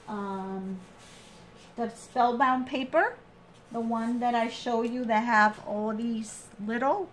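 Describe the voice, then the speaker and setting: A woman with a slightly high voice walks through a craft project at a very slow pace. She is casual and halting, often trailing off and restarting as she explains each step. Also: a little hiss or hum. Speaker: craft tutorial host.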